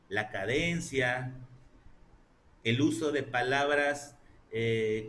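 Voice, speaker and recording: A man gives a literature lesson, explaining patiently and asking rhetorical questions. His voice sits at a middle pitch. A faint hiss of noise runs underneath. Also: a bit bright. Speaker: teacher. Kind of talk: online class lecture.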